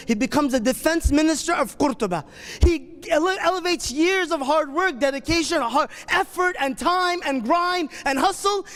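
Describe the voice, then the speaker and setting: A man's voice: extremely high pitch, fairly bright tone. A man giving a youth talk at a convention, telling a story in casual slang with frequent fillers. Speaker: youth speaker. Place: large convention hall. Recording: long reverb of a large hall.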